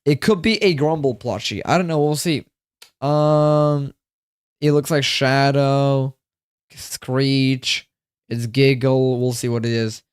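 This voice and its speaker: A man's voice: mid-range voice, steady tone, takes it slowly, clear, resonant tone, no echo, clean studio sound. A tired man livestreaming from home, chatting casually and rambling to his chat, often repeating himself.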